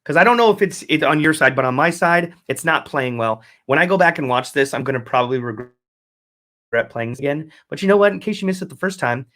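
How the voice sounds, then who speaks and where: Male host, slightly high-pitched, casual solo rant, heavy swearing, rambles and backtracks. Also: lively intonation, fast, fairly bright tone. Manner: profane, rambling, self-correcting. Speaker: fantasy football podcast host.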